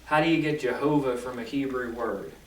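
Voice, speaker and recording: A man explaining esoteric teachings in a casual, rambling lecture, correcting himself often and filling pauses with ums and uhs. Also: medium pitch, echoey room, distant mic, low-quality recording. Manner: rambling, self-correcting, filler-heavy.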